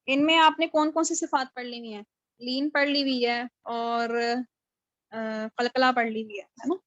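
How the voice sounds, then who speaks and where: A woman's voice: sits high, steady tone, fairly bright tone, no room sound, lo-fi sound. A woman teaching a live online class on Quran recitation rules, explaining patiently and checking on her students with questions. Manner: explanatory, mixes English terms into Urdu, checks understanding with questions. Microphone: video call microphone.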